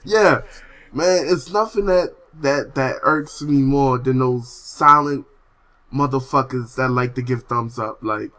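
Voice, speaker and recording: A man's voice: mid-range voice, slow pace, pushed and bright. A young man co-hosting a casual podcast, talking in a laid-back, hesitant way with many fillers. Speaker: podcast co-host.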